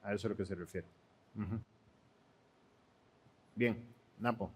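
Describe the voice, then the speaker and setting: A man with a Panamanian accent answering Bible questions in a steady, explanatory way, with occasional restarts. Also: lowish voice, measured pace, breathy edge. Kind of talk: church Bible Q&A teaching.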